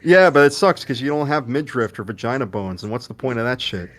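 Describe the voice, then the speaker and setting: A young man chatting casually with friends, quick to agree and laugh along. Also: mid-range voice, lively intonation, a bit bright. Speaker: friend on the stream. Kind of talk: casual chat.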